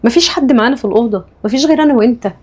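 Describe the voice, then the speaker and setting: Woman playing a calm egyptian doctor, soothing, talks fast. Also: fairly high pitch, breathy edge. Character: calm female psychiatrist. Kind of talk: web drama acting.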